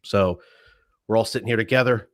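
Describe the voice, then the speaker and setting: A man's voice: fairly low pitch, fairly quick, fairly bright tone, dry recording, studio quality. A man who is a military veteran co-hosting a podcast, talking casually and acting out quoted remarks with animation.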